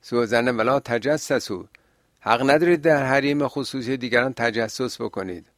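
A man's voice: mid-range voice, no room sound, clean studio sound. A man explaining Quran verses in a talk, using everyday examples and rising to emphatic bursts. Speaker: religious speaker.

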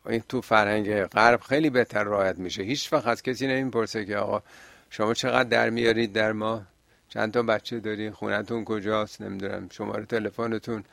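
A man's voice: lowish voice, steady tone, vocal fry, a bit bright, no echo. A man explaining Quran verses in a talk, using everyday examples and rising to emphatic bursts. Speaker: religious speaker.

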